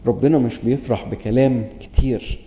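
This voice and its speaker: A man preaching a sermon with an Egyptian Arabic accent, earnest, reading scripture aloud and then restating it plainly, repeating key phrases slowly for emphasis. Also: mid-range voice, steady tone, warm tone, roomy sound, in a large hall, lo-fi sound, slight background noise.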